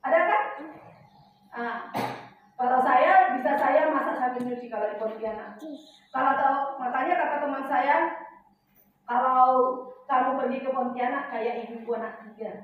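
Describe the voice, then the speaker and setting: A woman's voice: high voice, normal speed, long pauses, narrow, tinny audio. A woman preacher giving a chatty sermon, telling stories and asking the congregation questions. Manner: chatty, storytelling, asks the audience questions. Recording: echoey hall, mic far off.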